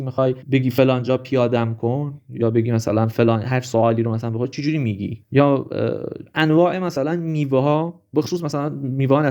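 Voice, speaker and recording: Dark-voiced man in a casual vlog rant. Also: mid-range voice. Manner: animated, listing examples rapidly. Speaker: vlogger. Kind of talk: casual monologue.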